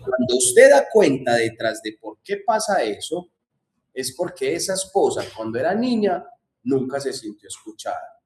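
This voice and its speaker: A man's voice: medium pitch, sing-song, moderate pace, a little mellow, reverberant. A man teaching a class in a conversational way, repeating points and asking rhetorical questions. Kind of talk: classroom lecture.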